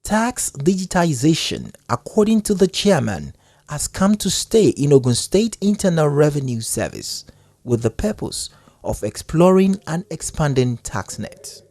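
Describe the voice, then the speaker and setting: Nigerian male TV reporter, measured voice-over read, warm tone, dry studio sound. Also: a little high, very animated, no room sound. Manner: measured newsreader delivery. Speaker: news reporter.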